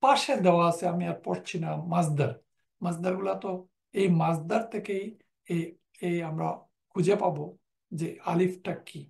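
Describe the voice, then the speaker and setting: A man's voice: sits high, steady tone, moderate pace, gravelly, pauses often, darkish tone. A man teaching Quranic Arabic in a recorded lecture, reciting verb forms one after another and quoting Quran verses in between.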